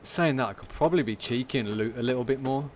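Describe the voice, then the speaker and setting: A man streaming a game, talking through it in a casual, monotone commentary. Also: mid-range voice, quick pace, a little hiss or hum.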